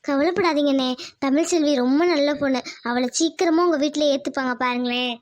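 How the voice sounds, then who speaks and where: A woman's voice: sits high, fairly even intonation, a little fast, natural voice. A woman voicing a chatty, loyal young woman in a cartoon. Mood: reassuring. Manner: coaxing, talkative. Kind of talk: cartoon voice acting.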